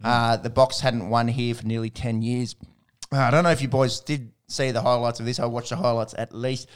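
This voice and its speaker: A man's voice: mid-range voice, flat delivery, brisk, clear, resonant tone. An Australian man hosting a casual sports podcast, recapping in a slangy, blokey way.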